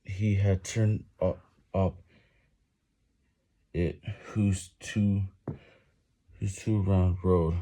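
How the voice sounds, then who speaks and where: A man's voice: low-pitched, dark tone. A man reading a novel aloud while doing push-ups, exerting himself, with sighs between phrases and words often broken off and repeated.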